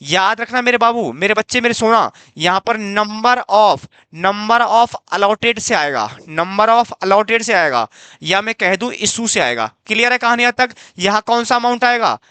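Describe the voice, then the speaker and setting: A man teaching an accounting class speaks unhurriedly in a high-sitting, animated voice with a sharp, clear and resonant tone, captured in a dry recording. In this classroom lecture he coaxes and repeats himself, quizzing his students and calling them "beta," meaning dear.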